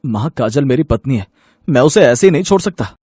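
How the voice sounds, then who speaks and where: Man voicing earnest young husband, mellow, husky, dry sound. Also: mid-range voice, lively intonation, a little fast, no echo. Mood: firm. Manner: earnest, pleading.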